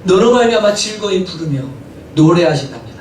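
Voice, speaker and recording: High, lively male pastor preaching. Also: a little fast, slight background noise. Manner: animated, keeps asking the congregation questions. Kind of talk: sermon. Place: church sanctuary. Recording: echoey hall from a distant mic.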